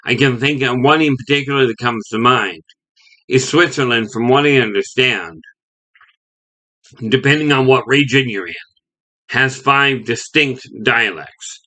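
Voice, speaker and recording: A man from Canada talks through his opinions in a loose monologue. His voice is bright and forward, and he keeps stopping to restart a phrase or drop in an "okay". The pitch sits at an ordinary middle height. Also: a little slow, rough recording. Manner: rambling with frequent restarts and "okay". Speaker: video host.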